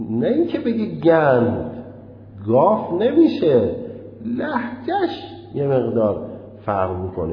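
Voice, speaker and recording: A man's voice: sits high, lo-fi sound. Man lecturing in an echoey hall. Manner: deliberate, chanting quoted recitations. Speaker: seminary teacher. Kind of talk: jurisprudence lecture.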